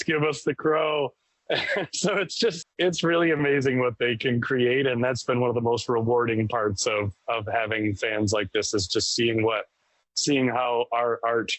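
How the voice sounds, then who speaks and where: A man's voice: medium pitch, fairly bright tone, no echo, poor audio. A man who plays in a band, chatting in an interview, enthusiastic and rambling with fillers. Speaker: band member, musician. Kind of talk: casual interview chat.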